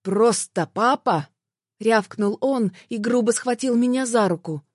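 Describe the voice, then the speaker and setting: A woman's voice: a little high, normal speed, a little mellow, dry recording, clean studio sound. A woman narrating a tense, emotional first-person story as an audiobook.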